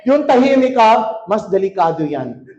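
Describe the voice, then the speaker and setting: A male pastor preaching a sermon in a church hall, shouting and calling on the crowd to answer back. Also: sits high, sing-song, moderate pace. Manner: shouting, rousing, calls for crowd response. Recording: dull lo-fi recording.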